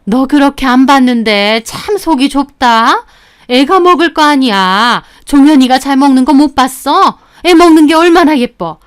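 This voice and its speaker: A woman voicing a blunt, scolding older mother-in-law in a told story, speaking with reproach and slow emphasis. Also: high-pitched, voice pushed up, close to an everyday voice. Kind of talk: scripted storytelling.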